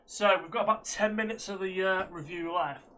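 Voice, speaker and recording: A man's voice: high voice, moderate pace, a bit bright. A man giving casual, blunt reaction commentary as he watches a video. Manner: blunt, swearing.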